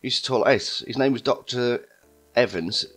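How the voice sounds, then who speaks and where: Man, gaming commentary, wry, joking, mid-pitched voice, soft game music behind. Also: unhurried. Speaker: gaming YouTuber. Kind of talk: let's play commentary.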